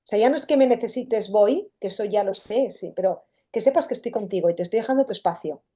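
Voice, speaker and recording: A woman, a guest author talking in an interview, animated and often acting out quoted dialogue. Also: medium pitch, quick pace. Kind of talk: conversational interview.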